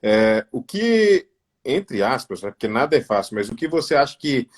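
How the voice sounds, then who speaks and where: A man hosting an interview, asking long, halting questions with repeated words. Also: medium pitch, sing-song. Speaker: host.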